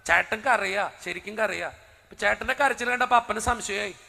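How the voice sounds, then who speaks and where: A priest preaching a sermon as a personal story, acting out the dialogue with drama. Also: male voice, high voice, brisk, creaky, bright, forceful tone, in a large hall.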